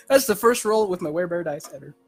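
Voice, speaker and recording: High-voiced, excitable man at the table. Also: a little fast, music in the background. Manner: excited, nerdy, laughs a lot. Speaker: player. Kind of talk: casual tabletop game chat.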